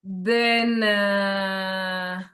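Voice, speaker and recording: A woman's voice: mid-range voice, fairly even intonation, drawn-out words, fairly bright tone. A woman, a life coach leading an online workshop and posing reflective questions to her listeners over a video call.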